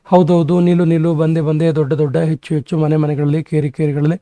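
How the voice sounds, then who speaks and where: A male exam-prep teacher giving a grammar lesson, briskly rattling off word lists. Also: a little high, flat delivery, mellow, no echo.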